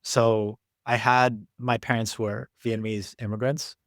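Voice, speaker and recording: An American man hosting a podcast, talking in a relaxed, reflective and chatty way with lots of "like"s. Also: lowish voice, unhurried, dry recording, clean studio sound. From United States. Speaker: podcast host. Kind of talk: casual podcast conversation.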